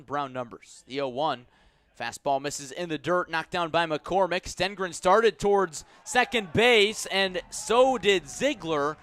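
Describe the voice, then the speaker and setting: Here a man calls a baseball game live on the radio, describing each play in a measured way and rising in energy as things get exciting. His voice sits at a medium pitch, sounding smooth and a bit bright.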